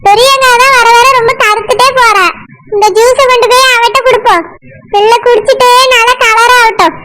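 A woman's voice: fairly even intonation, fairly quick, bright, forceful tone. A woman voicing an insistent, scheming middle-aged village mother in a cartoon, with a Tirunelveli Tamil accent. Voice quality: very high, squeaky cartoon voice. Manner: coaxing, insistent. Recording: clear background noise.

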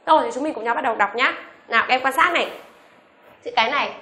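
A woman teaching an online beginners' lesson, asking the class questions and reading each letter slowly for them to repeat. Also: sits high, sharp tone, reverberant. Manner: asks the class rhetorical questions; reads letters aloud slowly for repetition. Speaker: English teacher.

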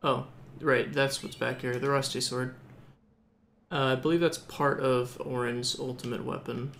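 A man's voice: mid-range voice, steady tone, measured pace, creaky, fairly bright tone, a little hiss or hum. A man giving casual, self-mocking commentary while playing a game, thinking aloud as he goes. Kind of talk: casual let's-play commentary.

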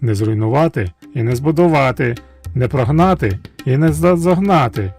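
Man doing a shrill, wheedling princess. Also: expressive, normal speed, darkish tone, soft background music, lightly acted. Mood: coaxing. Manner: shrill, pleading, coaxing cries. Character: tricky young fairy-tale princess, woman.

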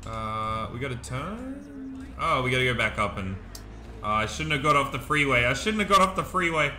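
A young man chatting excitably while commentating his own gameplay, laughing often. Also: mid-range voice, fairly quick, soft background music. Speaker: gaming streamer.

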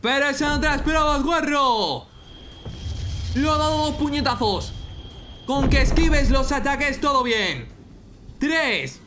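A young man with an accent from Spain, giving excited, exclamatory reaction commentary as an anime fan. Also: very high voice, a little slow, pauses often, over music. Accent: Spanish from Spain. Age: young adult. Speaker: reaction video host.

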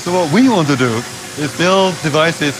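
A middle-aged man, a researcher, explaining his work in an interview in a lab in a measured way. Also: on the high side, lively intonation. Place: lab with machinery.

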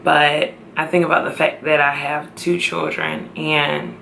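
A young woman talks to her camera at home in an unhurried, heavy drawl. Her voice is strongly gravelly yet bright in tone, tired and close to tears while she tries to sound hopeful. A faint hum of room ambience sits behind her. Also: low voice, flat delivery. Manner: tired, slow and tearful, trying to stay upbeat. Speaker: pregnancy vlogger. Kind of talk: emotional personal vlog.

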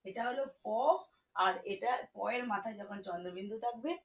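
A woman teaching children to read, spelling words out slowly syllable by syllable. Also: mid-range voice, poor audio. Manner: slow, syllable-by-syllable spelling, warm teacherly coaxing. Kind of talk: children's reading lesson.

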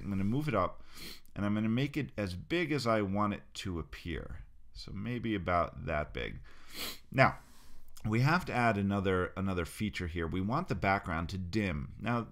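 Clicking through a software demo on screen, a man talks the viewer through each step in an easygoing, casual manner. His voice sits fairly low.

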